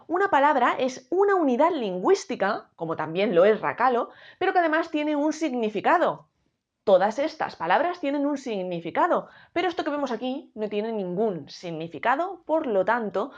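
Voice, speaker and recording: Lively Spanish woman teaching a class. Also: on the high side, lo-fi sound. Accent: Spain Spanish. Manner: slow, clear teacher talk, spelling out syllables. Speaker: educator. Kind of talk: explaining a lesson to students.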